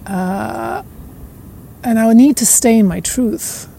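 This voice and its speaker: A woman's voice: fairly high pitch, very animated, vocal fry, a little hiss or hum. A woman hosting a podcast, musing at length in a reflective spiritual monologue. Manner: slow, musing, with soft laughs and trailing repetitions. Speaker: podcast host.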